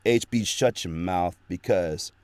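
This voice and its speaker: A man's voice: low voice, a little slow, darkish tone, dry recording. A man who works as a voice actor, talking earnestly and at length as a guest in a casual interview, recorded in a small home studio. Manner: earnest, rambling storytelling.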